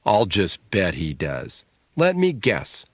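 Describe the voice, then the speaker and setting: A man voicing a sharp-tongued, sarcastic adult sister, needling and scornful, in an audiobook. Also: sits low, wildly swooping pitch, slow, no echo, clean studio sound, exaggerated voice.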